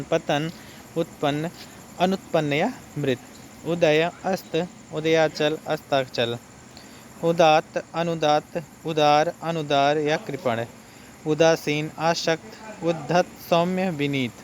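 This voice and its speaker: A man teaching an exam-prep lesson, reading out word pairs slowly and adding brief explanations. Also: on the high side, a little hiss or hum.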